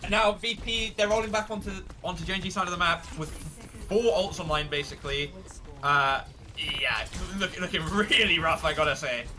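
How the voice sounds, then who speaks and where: A man's voice: high-pitched, moderate pace, bright, forceful tone, slight background noise. A man giving live esports analysis as a co-caster, reasoning conversationally through the match.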